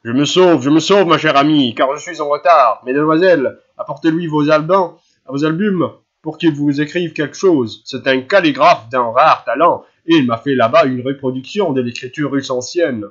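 A man plays an affable old general in a rush to get away, smoothing things over in a slightly raised, easy voice. He is a storybook head of the family. The recording is dull and lo-fi. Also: on the high side, moderate pace, fairly bright tone. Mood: hurried. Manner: affable, hasty, reassuring. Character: hurried, genial older general, husband and father. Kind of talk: audiobook character reading.

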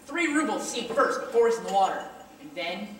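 A woman acting a brash male con man who stages fake drownings, pitching with pushy salesman patter on a school stage. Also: animated, quick pace, a little hiss or hum, natural voice. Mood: wheedling. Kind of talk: high school stage play. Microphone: far camera. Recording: echoey hall from far off.

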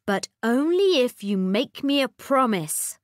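A woman voicing a small talking frog from a storybook, calm and persistent, in a slow, lively read in a dry room. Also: a little high, no echo, pitched above the performer's own voice. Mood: polite. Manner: calm, reasonable, insistent.

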